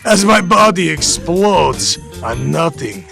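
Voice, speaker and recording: A man reading a steamy romance novel aloud in a put-on Russian accent, slow, breathy and over the top. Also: fairly high pitch, very animated, music in the background, heavily acted. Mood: mock-sultry. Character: hammy male reader of a steamy romance novel.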